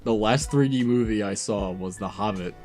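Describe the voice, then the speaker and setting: A man's voice: lowish voice, a little mellow, faint music behind. A man co-hosting a casual film review chat, joking around and swearing freely. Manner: casual, swears freely, quick jokey asides.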